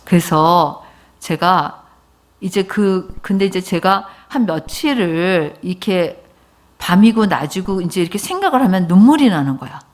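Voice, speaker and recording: A woman's voice: fairly low pitch, expressive, a little slow. A woman pastor giving a sermon, telling a personal story in an informal, conversational way and speaking directly to her congregation. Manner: informal, conversational speech mixed with polite forms.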